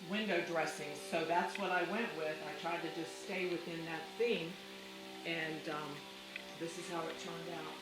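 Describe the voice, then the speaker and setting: A woman's voice: fairly low pitch, fairly even intonation, normal speed, over loud music. An older woman showing visitors around her own home in casual, explanatory chat. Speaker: homeowner showing her house. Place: inside a house, away from mic. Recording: very echoey, distant mic, noisy room.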